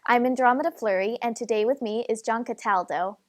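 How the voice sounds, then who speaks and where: A woman's voice: on the high side, brisk. A woman hosting an oral history interview, asking polite prepared questions. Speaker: interview host.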